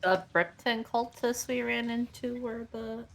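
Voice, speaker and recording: A woman's voice: a little high, fairly even intonation, a little slow, vocal fry. A woman playing a tabletop game, asking questions and thinking aloud as she works things out. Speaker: player. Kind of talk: casual tabletop game chat.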